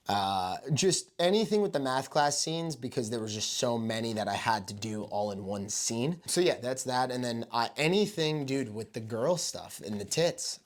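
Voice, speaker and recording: A man, a video creator, answering questions in an informal, rambling and enthusiastic way with plenty of swearing. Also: mid-range voice. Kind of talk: casual Q&A chat.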